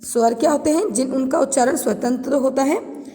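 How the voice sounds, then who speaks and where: A woman teaching a grammar lesson to students. She reads each definition, then repeats and explains it slowly in simpler words. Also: sits high, mellow, big-room sound. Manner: addresses students directly. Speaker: Hindi teacher.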